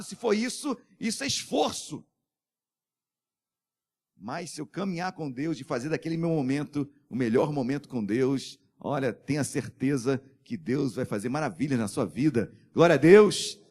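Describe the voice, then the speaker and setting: Man, pastor, Brazilian accent, sermon, fairly high voice, loud calls and hushed asides, asks the church for amens. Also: vocal fry, breathy edge. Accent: Brazilian Portuguese. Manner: preaching with sudden swings between shouted calls and soft, low asides.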